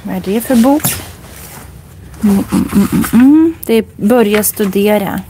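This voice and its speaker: A woman teaching a casual language lesson in a library, browsing books and speaking slowly and clearly for learners. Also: mid-range voice, animated, warm tone, slight background noise. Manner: slow, clear demonstrating speech for learners; chatty, recommends books while browsing. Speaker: Swedish teacher. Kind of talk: casual live lesson on a walk. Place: library, indoors.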